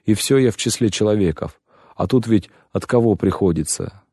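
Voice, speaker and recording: A man's voice: lowish voice, normal speed, mellow, slightly rough, no echo, clean studio sound. A man voicing a self-pitying grown shoemaker who pleads and laments at length, in an audiobook reading. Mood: lamenting.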